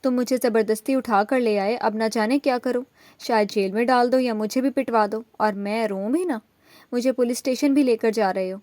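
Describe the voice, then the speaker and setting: A woman's voice: on the high side, darkish tone, dry recording, natural voice. A woman voicing a frightened, tearful young woman who pleads to be let go, in a storybook reading. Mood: pleading tearful. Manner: pleading, sobbing.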